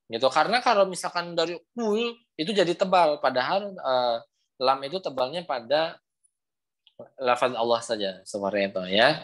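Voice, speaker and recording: Over a video call, a young man teaches an online Quran recitation class in a mid-range, slightly bright voice. He explains each point patiently, repeats himself often, and draws out sample sounds slowly so learners can copy them.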